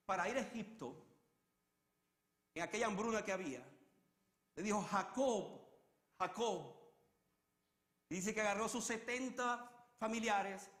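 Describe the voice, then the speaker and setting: A man preaching a sermon in a dramatic way, swinging from loud climaxes to hushed, low repetitions. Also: reverberant.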